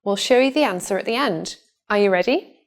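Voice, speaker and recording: A woman's voice: mid-range voice, lively intonation, normal speed. A woman hosting a language quiz video, addressing viewers in an upbeat way. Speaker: host. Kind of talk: video lesson presenting.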